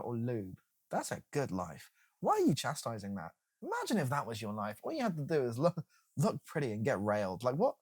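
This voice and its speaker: Man, reaction commentary, sarcastic, incredulous, husky voice, lively pitch. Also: dry recording, clean studio sound. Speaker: commentary video host.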